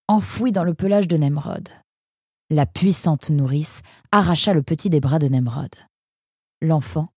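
A man narrating a storybook in a measured, steady way. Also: fairly high pitch, breathy edge, dry recording, studio quality. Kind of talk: storybook reading.

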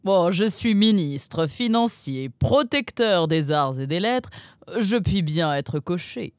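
A self-assured male fox minister speaks in slow, grand, unbothered phrases, as a woman narrator puts him on. The storybook reading is dry and close. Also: fairly low pitch, animated, smooth, no echo. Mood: breezy.

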